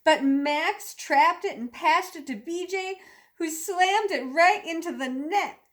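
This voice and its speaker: A woman's voice: very high-pitched, slow pace, a bit bright. A woman teacher reading a children's storybook aloud expressively, with emphatic sound words and simple asides to young listeners.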